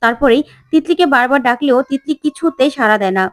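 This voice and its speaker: Woman recap narrator, high and fast, dry booth sound. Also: no echo. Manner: brisk retelling. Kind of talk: soap-opera episode recap.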